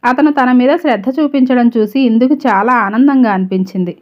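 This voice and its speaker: A woman storyteller reads a scripted story steadily and evenly, at a fairly quick pace. Her voice sits fairly high, and the recording is slightly dull and lo-fi.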